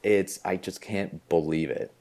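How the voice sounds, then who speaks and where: Deep-voiced young man, chatty baseball fan. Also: fairly even intonation, a little slow, a little mellow. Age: young adult. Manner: enthusiastic, rambling baseball talk with many fillers. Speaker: podcast co-host. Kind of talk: casual chat.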